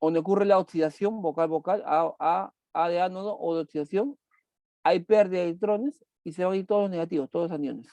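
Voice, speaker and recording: A man's voice: high voice, a little fast, dark tone, no echo. A man teaching a chemistry class online, repeating key points and asking students questions as he goes.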